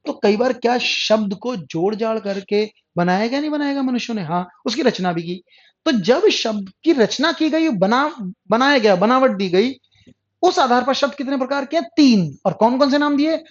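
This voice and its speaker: A man's voice: extremely high pitch, lively intonation. Male grammar teacher, online lecture, quizzes students and answers himself, muffled lo-fi sound. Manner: asks the students questions, then answers them himself; repeats key terms, drawn-out explanations. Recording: dull lo-fi recording.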